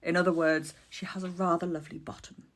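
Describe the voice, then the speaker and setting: A woman's voice: fairly low pitch, flat delivery, fast talker. A woman casually explaining old slang to camera, with dry, sarcastic asides and the odd swear word. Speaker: history content creator. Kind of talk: casual educational talk to camera.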